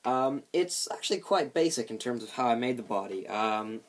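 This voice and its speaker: A man's voice: medium pitch, animated, moderate pace. A man giving a casual hands-on demonstration of a homemade build, explaining it with light self-deprecation.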